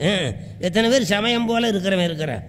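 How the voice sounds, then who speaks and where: A man's voice: sits high, brisk. A man giving a devotional sermon, who keeps asking his audience whether they understand and repeats his phrases for emphasis. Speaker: devotional speaker and astrologer. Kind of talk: devotional sermon with chanted verse. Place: hall with a live audience. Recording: echoey hall with long reverb.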